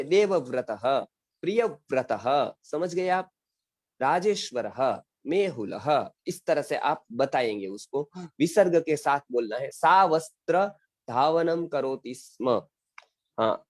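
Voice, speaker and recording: A man's voice: a little high, no echo. A middle-aged man from India teaching a grammar class on a video call, patiently repeating phrases and often checking that students understand. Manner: recites example sentences slowly and deliberately. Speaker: Sanskrit teacher. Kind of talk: online class explaining grammar in Hindi.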